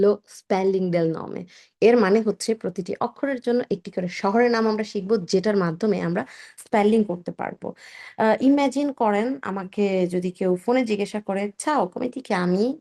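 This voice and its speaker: A woman teaching Italian, her first language Bengali. She speaks slowly and with care, saying each word twice so learners can follow. Her voice is mellow and darkish, and her pitch sits in a middle range. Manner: slow, careful, repeats each word twice for practice.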